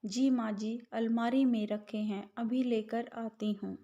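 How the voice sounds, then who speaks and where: A woman's voice: a little high, fairly even intonation, slow pace, warm tone. A woman voicing a dutiful, respectful young daughter-in-law and mother in a storybook tale, on a slightly dull recording. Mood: polite.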